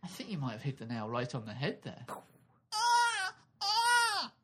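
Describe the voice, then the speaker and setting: With a medium-pitched, sing-song voice that's quick and a bit breathy, this podcast co-host giggles through silly improvised stories. It's absurd, playful comedy talk.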